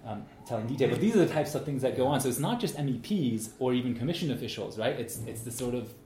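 A man with a mid-pitched voice gives an informal talk in an echoey room with faint noise. He is conversational and anecdotal, with frequent tag questions to check he is followed. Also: lively intonation, fast, dark tone. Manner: conversational, checks in often with "right?". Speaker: speaker giving a talk.

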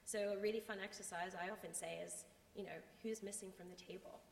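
Woman native english speaker doing an earnest talk, mid pitch, big echoey room, bit of noise. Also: fairly even intonation, fast, gravelly. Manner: articulate, earnest, emphatic repetition. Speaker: conference speaker. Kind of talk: motivational public talk. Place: large reverberant room before a live audience. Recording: echoey hall with background noise.

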